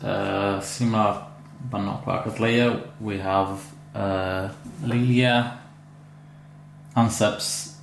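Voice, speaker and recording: Italian man with a low, gravelly voice. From Italy. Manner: hesitant, many fillers and restarts, chatty asides. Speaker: orchid grower. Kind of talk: casual unboxing vlog. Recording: echoey room with faint ambient noise.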